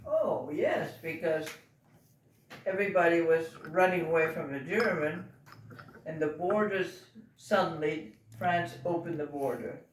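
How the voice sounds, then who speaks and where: A very old woman in her nineties from Belgium, recalling her past informally and haltingly as she searches for words. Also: low-pitched. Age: 90s. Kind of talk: informal oral reminiscence. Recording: roomy home recording, distant mic, faint noise.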